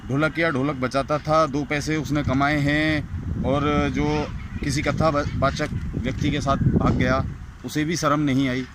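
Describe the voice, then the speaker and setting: A slightly high, flat, somewhat slow male voice scolds indignantly in an informal opinion rant over a recorded call. The call was recorded outdoors among vehicles and is very noisy.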